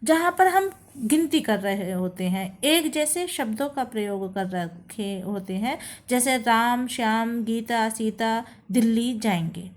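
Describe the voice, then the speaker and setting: A woman teacher walks her students through a grammar lesson at an unhurried pace. Her voice sits a little high, and she leans hard on each example phrase. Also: animated. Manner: slow, deliberate explaining, stresses example phrases. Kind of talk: classroom lesson.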